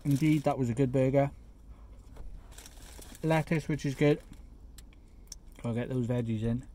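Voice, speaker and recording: A man reviewing a fast food burger in a chatty, casual vlog, sometimes talking with his mouth full, sitting in a parked car. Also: medium pitch, dark tone, slight background noise. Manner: chatty, eats while talking, self-deprecating asides. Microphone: phone camera.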